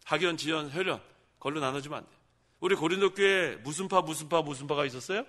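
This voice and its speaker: A middle-aged man preaching a sermon in a church, his voice sitting a little high and sounding bright and forceful. He talks with the congregation more than at them, tossing out questions and answering them in the next breath. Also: fast. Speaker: pastor. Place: church sanctuary.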